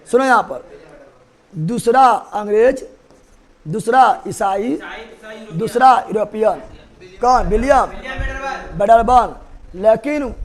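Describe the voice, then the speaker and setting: A man with a bright, high voice teaches history in a classroom, speaking. He repeats each name and date several times and keeps quizzing his students. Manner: drills facts by repetition, quizzes students.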